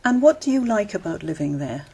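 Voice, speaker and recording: A woman examiner asking set questions in a speaking test, measured and clear. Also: medium pitch, sing-song, warm tone. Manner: measured and clear, encouraging murmurs. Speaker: exam interviewer.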